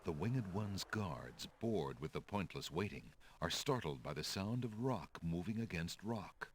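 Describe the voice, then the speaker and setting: A man narrating a fantasy video game in a measured, theatrical, gently wry storybook manner. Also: low-pitched, expressive, noisy background. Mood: grave.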